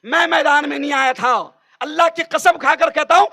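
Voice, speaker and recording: A man delivering a fiery campaign speech at a political rally, shouting call-and-response lines to the crowd. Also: very high-pitched, moderate pace.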